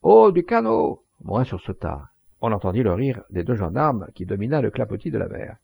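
A man narrating a literary audiobook in a measured, expressive storytelling manner, with a gravelly voice. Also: lowish voice.

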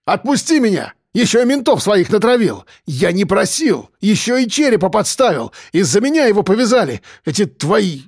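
A man voicing a desperate, bitter young male drug addict who shouts accusations and pleads. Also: sits high, big pitch swings, normal speed, hardly any pauses, dry recording, studio quality, voice pushed up, heavily acted. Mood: angry.

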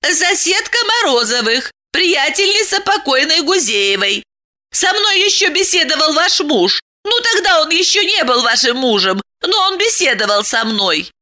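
Woman doing a chatty neighbor lady, gossipy, lively pitch. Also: moderate pace, exaggerated voice. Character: chatty older female neighbor.

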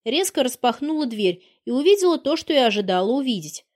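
A woman narrating an audiobook with an even, storytelling delivery. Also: high-pitched, fairly quick. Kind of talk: scripted narration.

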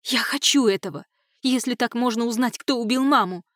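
A woman reading an audiobook, voicing a distraught young woman who shouts accusations through tears. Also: fairly high pitch, brisk, no room sound, clean studio sound, pitched above the performer's own voice, natural voice. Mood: furious, tearful.

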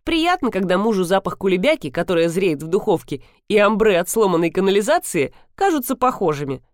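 Expressive woman reading an audiobook. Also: medium pitch, fairly quick, dry recording, clean studio sound. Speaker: audiobook reader. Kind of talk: first-person audiobook narration.

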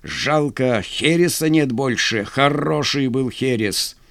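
A man's voice: mid-range voice, slow pace, vocal fry, fairly bright tone, no echo. A man voicing a wounded older painter who grumbles with sardonic humor in an audiobook. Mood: grumbling. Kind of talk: audiobook character voice.

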